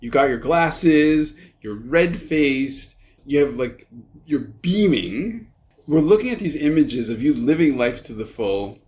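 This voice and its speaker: A man's voice: a little high, lively intonation, measured pace, darkish tone. A man in his fifties from Canada, hosting a casual interview in an effusive, interjecting way. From Montreal, Canada. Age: 50s. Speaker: podcast host.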